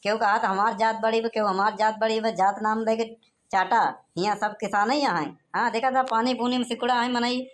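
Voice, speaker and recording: A village farmer from a cartoon, played by a woman speaks in an Awadhi accent with a fairly high voice. He talks in an agreeable, soothing way. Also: fairly even intonation, brisk, lightly acted. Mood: agreeing. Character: male village farmer standing in line.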